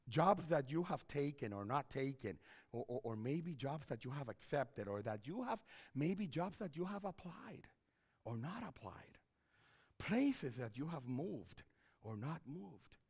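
Animated man preaching in a church. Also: on the high side, measured pace, slightly rough, in a large hall. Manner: animated, repeats phrases, wide hand gestures while pacing. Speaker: pastor and counselor giving a seminar. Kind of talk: seminar talk in church. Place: church sanctuary stage.

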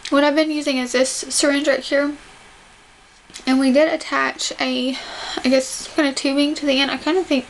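Describing her surgery recovery, a young woman speaks to the camera at a normal pace in a high, creaky voice whose melody stays flat. She enunciates carefully while barely moving her jaw, and the home recording carries faint noise.

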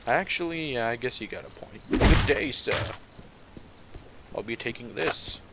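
A man's voice: medium pitch, animated, a little slow, gravelly, very noisy. A man giving casual, profane and joking commentary while playing a video game, often chuckling to himself. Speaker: let's play commentator.

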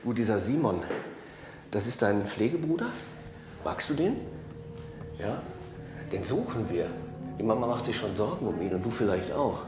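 Man, sixties, detective, gentle, coaxing, roomy recording. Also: fairly low pitch, lively intonation, normal speed, pauses often, music in the background. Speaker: police detective. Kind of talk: scripted reality TV acting. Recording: echoey room with hiss.

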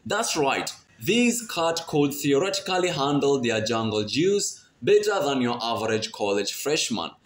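A man's voice: medium pitch, big pitch swings, a little slow, few pauses. A man reading scripted nature documentary narration in a dramatic way with a playful edge. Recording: roomy voice-over, faint noise.

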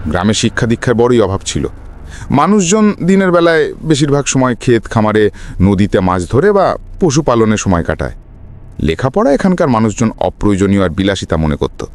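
A man gives a dramatic scripted reading of a ghost story. His expressive, suspenseful narration rises and falls in pitch to carry the tension.

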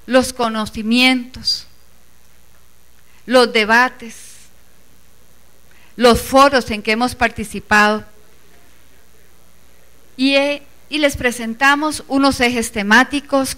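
A woman's voice: fairly high pitch, fairly bright tone. A woman giving an earnest, emphatic speech as an organizing committee member before a teachers' assembly. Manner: earnest, emphatic, addresses the audience inclusively. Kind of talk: public speech at a meeting.

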